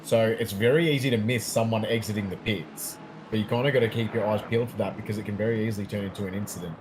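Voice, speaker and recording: A man co-commentating a live race, calmly explaining incidents and pit strategy. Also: fairly low pitch, noisy background. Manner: measured, explanatory, calm analysis. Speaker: sim racing co-commentator.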